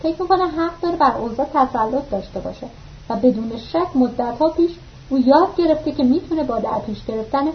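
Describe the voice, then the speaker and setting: A woman reading an audiobook aloud, narrating the story and voicing the dialogue lines with mild shifts of pitch. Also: expressive, a little hiss or hum. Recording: muffled lo-fi recording.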